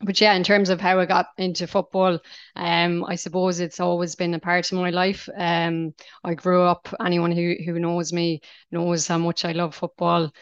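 A woman's voice: fairly low pitch, completely flat delivery, normal speed, clean tone, no echo, highs cut off. A woman in her thirties with a west of Ireland accent, answering questions conversationally as a podcast guest. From County Mayo, west of Ireland. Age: 30s. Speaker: podcast guest, Gaelic footballer.

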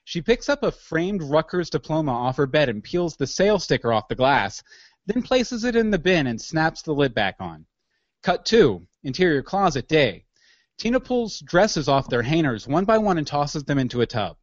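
A man's voice: a little high, very animated, normal speed, no echo, highs cut off. A man narrating scene directions in a matter-of-fact way for an audio drama.

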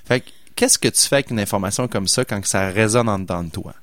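A middle-aged Québécois man hosts a podcast, spinning a casual story in a fast, fairly low voice, acting out the people he met and scattering fillers everywhere. The studio sound is clean, with no room sound.

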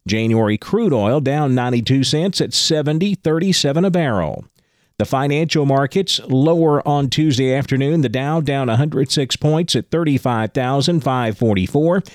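A man's voice: mid-range voice, lively intonation, normal speed, a little mellow, no room sound, studio quality. A man reading a scripted agricultural market report as a radio news anchor. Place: dry studio.

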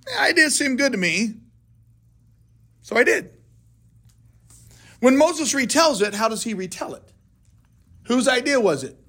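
A man's voice: very high-pitched, sing-song, a little slow, long pauses, bright, forceful tone, slightly rough. A man, a pastor, leading a casual Bible study and firing questions at his group in a conversational way. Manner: conversational, asks and answers his own questions. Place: church classroom.

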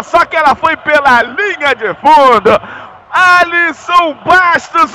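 A Brazilian man giving live football play-by-play with explosive, drawn-out, shouted goal commentary. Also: very high voice, noisy background.

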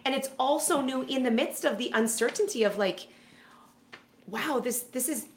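A woman's voice: high voice, moderate pace. Earnest woman host in an echoey room. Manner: earnest, candid storytelling. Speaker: podcast host. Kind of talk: casual conversation. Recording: echoey room with faint hiss.

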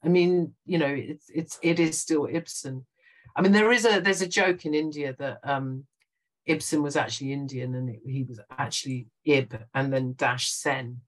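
A woman playwright speaks in a relaxed interview conversation. Her delivery is animated and full of laughter, with quick asides between her points. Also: deep voice. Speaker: playwright guest.

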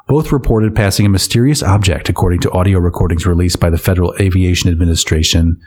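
A man's voice: deep voice, quick pace. Sarcastic man reading odd news. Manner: sarcastic, deadpan asides. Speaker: podcast co-host. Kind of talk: comedic news-reading chat.

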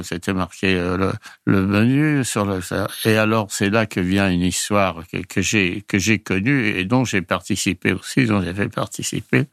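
An older man tells stories from his flying years in a loose, wandering way. His voice sits low, and he laughs softly and restarts his sentences as things come to him. The sound is dry and close, with no room around it. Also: vocal fry, dry recording. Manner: rambling, chuckling, restarts mid-sentence. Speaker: retired flight crew member. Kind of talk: casual anecdote storytelling.

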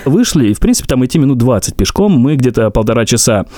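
A man in his thirties co-hosts a relaxed podcast. He tells stories casually and with lively energy. He laughs often along the way. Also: medium pitch, fast talker, noisy background. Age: 30s. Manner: animated, laughs while telling stories. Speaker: podcast co-host. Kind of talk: casual storytelling chat.

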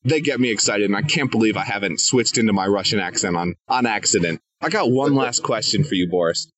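Enthusiastic young male host, husky voice. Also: lowish voice, animated, fairly quick, fairly bright tone. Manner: enthusiastic, advice-giving. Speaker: podcast host. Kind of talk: casual interview. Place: living in Thailand, jungle sounds around.

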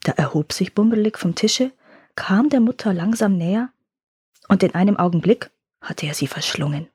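A woman reading a fairy tale aloud in a calm, lively storytelling manner that slows for suspense. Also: mid-range voice, breathy edge, no room sound, clean studio sound.

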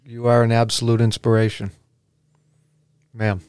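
A man's voice: medium pitch, level tone, moderate pace, a little mellow, clean tone, no room sound. Guy cohosting a podcast, polite yes-ma'am type, clean voice, dry mic. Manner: formal and polite, says ma'am. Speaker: podcast co-host. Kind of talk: casual podcast chat.

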